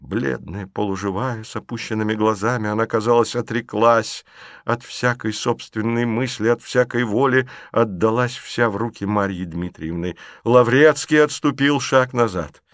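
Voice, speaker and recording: Low-voiced male audiobook narrator. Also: a bit bright, no echo, studio quality. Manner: measured, literary storytelling.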